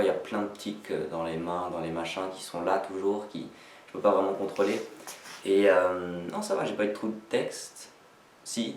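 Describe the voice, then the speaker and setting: A man talking casually to viewers in a vlog, rambling, halting and self-deprecating. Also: sits low. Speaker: amateur sketch writer introducing own video. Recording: echoey, slightly noisy, distant microphone.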